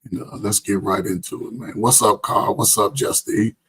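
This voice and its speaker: A male host talks casually to his group in a deep, badly worn voice. It is raspy and hoarse, nearly gone, and he sounds drained and tired. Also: fairly even intonation, normal speed, fairly bright tone. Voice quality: raspy, strained. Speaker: show host and basketball coach. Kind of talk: casual group show talk.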